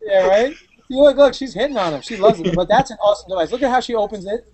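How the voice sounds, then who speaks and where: A man hosting a tech show, joking loosely and excitedly as he comments on videos. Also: high voice, fast talker. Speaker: podcast host. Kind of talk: casual chat commenting on videos.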